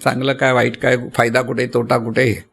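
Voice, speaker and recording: A man's voice: mid-range voice, flat delivery, fairly quick, creaky, fairly bright tone. A man with a Marathi accent giving a devotional sermon, teaching patiently, repeating points and asking the listeners rhetorical questions. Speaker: spiritual teacher.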